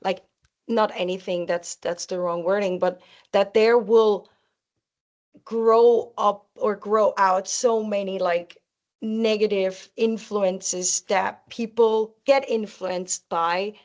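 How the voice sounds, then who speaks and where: A woman's voice: mid-range voice, steady tone, slow pace, a little mellow, muffled recording. A woman talking casually about true crime, hesitant and repeating phrases for emphasis.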